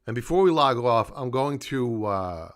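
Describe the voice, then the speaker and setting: This middle-aged livestream host analyzes markets without a script, addressing his viewers directly. His mid-range voice is animated and his pace a little slow, and his explanations come in a casual, start-and-stop manner.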